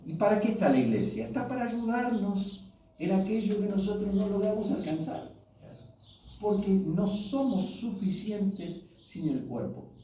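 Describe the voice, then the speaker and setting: A man in his sixties with an Argentine accent, preaching warmly and conversationally to married couples at a workshop, asking his audience questions as he goes. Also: high-pitched, sing-song, measured pace. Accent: Argentine Spanish. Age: 60s. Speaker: pastor leading a marriage workshop. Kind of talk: colloquial sermon to married couples. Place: church hall with an audience. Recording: very echoey hall, voice from far off, faint noise.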